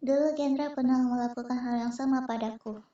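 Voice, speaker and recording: In an Indonesian comic dub, a woman voices an earnest, reassuring female spirit plotting to free her kind. Her high voice is brisk and dark-toned, natural-sounding, with fairly even intonation. The recording is muffled, picked up by a distant mic in a roomy space.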